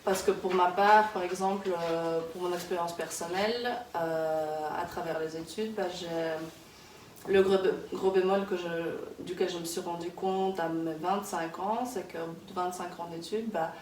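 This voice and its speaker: A woman's voice: fairly low pitch, steady tone, a little slow, darkish tone. A woman in her thirties, born in Kazakhstan, answering interview questions in a casual, hesitant way with many fillers and restarts. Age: 30s. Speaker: interviewee, early childhood worker. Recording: echoey room, distant mic, background noise.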